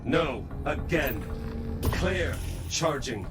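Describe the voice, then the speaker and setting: A man's voice: a little high, lively intonation, drawn-out words. Commanding male medic android in emergency. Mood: urgent, desperate. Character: male android crewman, loyal, caring, urgent. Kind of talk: video game voice acting. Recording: music behind the voice.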